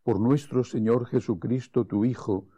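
Very mellow-voiced male priest saying Mass. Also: medium pitch, fairly even intonation, breathy edge, highs cut off. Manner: solemn, measured recitation. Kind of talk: liturgical prayer and scripture reading.

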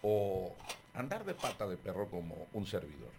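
A man hosting a radio show in a studio, chatting casually and reading ads in a loud, drawn-out way. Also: low-pitched, very animated, noisy background. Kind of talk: casual radio talk with live ad reads.

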